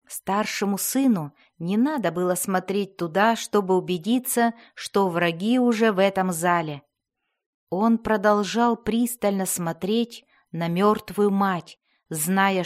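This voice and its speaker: A woman narrating a fantasy audiobook in a steady, measured storytelling voice. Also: medium pitch.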